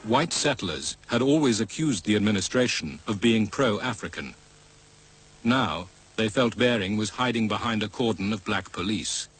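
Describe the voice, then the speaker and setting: A man giving measured, serious scripted documentary narration. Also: on the low side, expressive, a bit bright, husky, poor audio.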